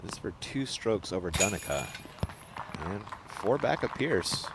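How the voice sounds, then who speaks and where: Man, golf commentator play-by-play. Low register, expressive, clipped delivery, noticeable outdoor background noise. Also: measured pace. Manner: clipped, telegraphic calls in golf commentator manner.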